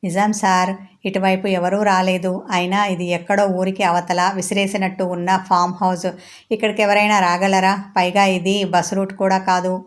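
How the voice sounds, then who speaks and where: A woman's voice: mid-range voice, level tone, normal speed, close to an everyday voice. A woman voicing a timid male watchman who pleads innocence, in a narrated story. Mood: pleading.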